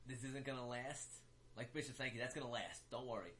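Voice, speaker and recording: A man talks sports in a loose, chatty way, trailing off and restarting his sentences as he gets worked up. His voice sits at an ordinary middle pitch. A faint hiss of noise runs underneath. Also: fairly quick, low-quality recording. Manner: animated, ranting, many fillers and restarts. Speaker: fantasy football podcast co-host. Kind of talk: casual chat.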